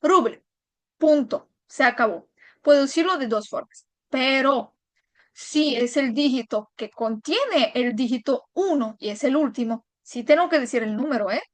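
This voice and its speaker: Woman teacher, high voice, calm step by step grammar explaining, dry close sound. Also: measured pace, no room sound. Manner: patient, explains step by step, checks in with "mm?". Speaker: Russian language teacher. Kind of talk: online language lesson.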